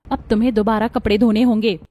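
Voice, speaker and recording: A woman's voice: fairly high pitch, level tone, quick pace, warm tone, natural voice. Woman playing a nagging spiteful sister-in-law.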